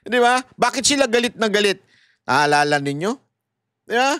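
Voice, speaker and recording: A man's voice: sits high, lively intonation, normal speed, fairly bright tone, clean tone, no echo, clean studio sound. A man giving heated, sarcastic political commentary straight to his viewers. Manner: mocking, heated and sarcastic, addressing viewers directly.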